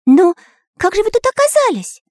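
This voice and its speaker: An eager storybook boy artist, as a woman reader puts him on, high and lively with a bouncing, childlike lilt. The voice is clean and dry. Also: brisk, dry recording. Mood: surprised. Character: small cheerful boy artist, Pencil.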